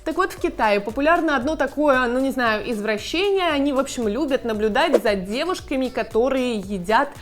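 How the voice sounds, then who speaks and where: A woman's voice: sits high, animated, a little fast, few pauses. A woman hosting a blogger news show, reading scripted items with conversational, lightly ironic commentary. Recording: music under the voice. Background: background music.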